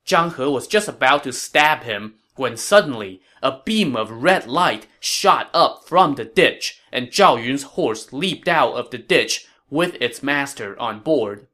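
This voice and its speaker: A man narrating a historical tale in a measured, dramatic storytelling manner. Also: medium pitch, expressive, bright, forceful tone.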